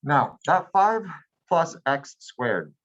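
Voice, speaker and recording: A man's voice: fairly high pitch, very animated, slow pace, a bit bright, lo-fi sound. A man teaching a math class, explaining steps patiently and often asking if students follow. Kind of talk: classroom lecture.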